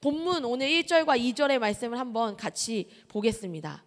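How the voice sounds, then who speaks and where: A woman's voice: a little high, very animated, fairly quick, big-room sound. A woman pastor in her thirties preaching a sermon in a church, telling personal stories in an earnest, confessional way.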